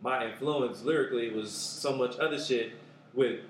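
A man with a Bay Area accent, a rapper talking casually in an interview, laid-back and rambling, often trailing off quietly. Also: mid-range voice, moderate pace, roomy sound, slight background noise. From Oakland, California. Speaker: guest rapper.

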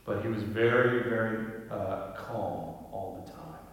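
Man, pastor, gentle reflective sermon, soft quiet endings, very echoey, distant from the mic. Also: lowish voice, slow. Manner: gentle, reflective, drops to quiet near-whispers. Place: large church sanctuary. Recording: echoey hall, voice from far off.

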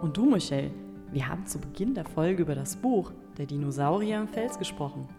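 A woman hosts a book podcast for young listeners, speaking conversationally in a low, animated voice at a fairly quick pace. The recording has long reverb and music playing behind her.

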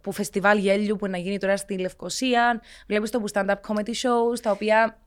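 A young woman co-hosting a relaxed podcast conversation, speaking with a Cypriot Greek accent. She talks animatedly and drops English words in here and there. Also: mid-range voice. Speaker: podcast co-host. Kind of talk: casual chat.

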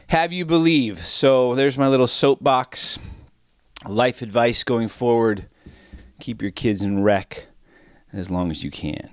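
This middle-aged man hosts a sports betting podcast alone, talking casually while slightly out of breath. His medium-pitched voice is clear and resonant, recorded clean in a studio with no echo. He rambles, pokes fun at himself, and keeps drifting onto tangents.

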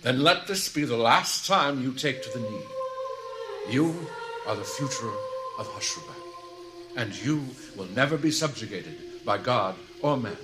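A man voicing a weary, stern king speaking gravely to his daughter in a fantasy audiobook, with music behind. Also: mid-range voice, animated, a little slow, natural voice, poor audio. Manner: grave, commanding.

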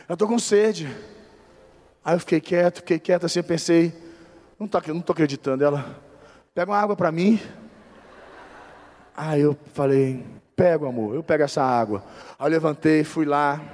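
High-voiced man preaching in a reverberant hall. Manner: emphatic, repeats phrases for stress. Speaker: bishop preaching. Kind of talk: sermon.

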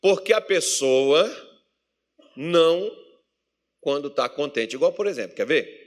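A man with a Brazilian accent preaching a sermon in church as pastor, animated and humorous, acting out the voices of worried believers. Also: fairly high pitch, measured pace. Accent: Brazilian Portuguese.

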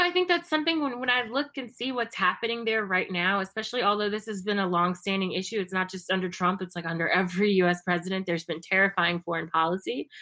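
A young American woman chats casually and reflectively, her speech full of fillers and restarts. Her voice is medium in pitch with a sharp tone.

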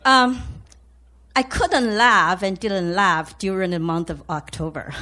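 A woman's voice: medium pitch, takes it slowly, pushed and bright. Earnest woman in her fifties. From Taiwan. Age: 50s. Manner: earnest, serious. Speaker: storyteller and op-ed reader. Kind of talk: reading a personal essay on stage.

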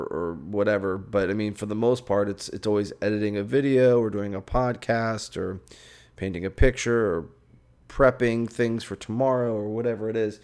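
A man's voice: lowish voice, a little mellow. A tired young man talking frankly and rambling on his own podcast, swearing and restarting his sentences often. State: tired, yawning. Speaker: podcast host. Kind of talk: casual solo podcast monologue.

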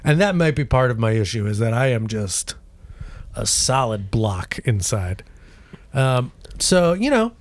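Rambling, halting comedic man. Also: mid-range voice, no room sound. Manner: rambling, halting, deadpan absurd. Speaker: podcast co-host. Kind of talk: comedic banter.

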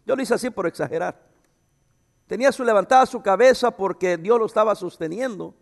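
A man preaching a sermon as pastor, expressive, with personal asides to the congregation. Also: high voice, fairly quick, vocal fry. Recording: reverberant hall.

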